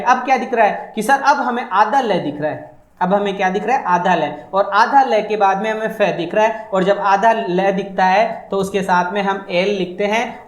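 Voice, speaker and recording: A man's voice: high-pitched, roomy sound. A man teaching a phonetics lesson, repeating each point and asking questions that he answers for his students. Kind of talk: online exam-prep phonetics lesson.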